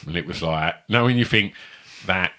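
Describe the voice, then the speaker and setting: Low, bright-toned man telling stories. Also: moderate pace. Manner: rambling, sweary anecdotes. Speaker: podcast co-host. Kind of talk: casual comedic storytelling.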